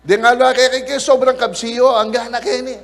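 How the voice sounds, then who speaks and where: A man preaching a sermon, lively, acting out quoted lines in changed voices. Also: very high-pitched, normal speed, long reverb tail. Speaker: pastor.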